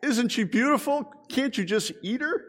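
A man playing a proud older grandmother who gushes in a breathless, squeaky voice, well above his own. She talks fast and eagerly. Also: expressive, fairly bright tone, heavily acted. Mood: gushing.

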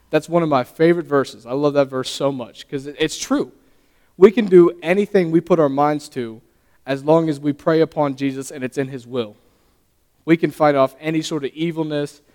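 Young male lay preacher, earnest and halting, smooth higher voice, long hall reverb. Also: a little mellow. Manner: earnest, halting, stumbles and restarts. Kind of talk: sermon.

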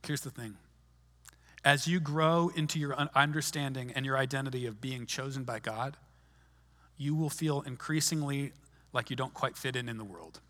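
In a large hall with long reverb, a pastor preaches conversationally at a moderate pace. His mid-range voice sounds pushed and bright, and he frequently restarts his sentences.

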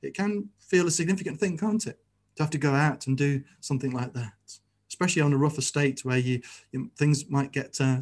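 Earnest preacher, higher-pitched man. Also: darkish tone. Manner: earnest, leans on rhetorical tag questions. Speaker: pastor. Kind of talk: sermon.

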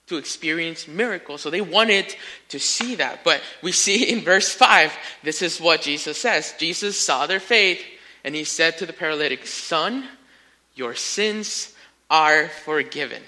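A man preaching a sermon, telling a story with lively emphasis and speaking to his listeners as friends. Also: on the high side, normal speed. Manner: animated storytelling, rising to near-shouts in acted quotes.

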